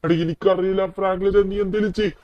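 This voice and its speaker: A man's voice: high voice, little pitch movement, fairly quick, no echo, highs cut off, lightly acted. A man voicing Michael, a worried middle-aged friend in a game video, who keeps saying he has no idea what is going on. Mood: panicky. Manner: panicky, keeps saying he doesn't know. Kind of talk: casual game role-play dialogue.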